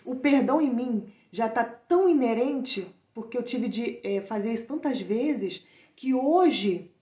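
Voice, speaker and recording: A woman's voice: a little high, animated, measured pace, mellow, muffled recording. Brazilian woman preaching in a roomy echo. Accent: Brazilian Portuguese. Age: adult mother. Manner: conversational, addresses listeners as "gente", asks rhetorical questions. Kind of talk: informal sermon.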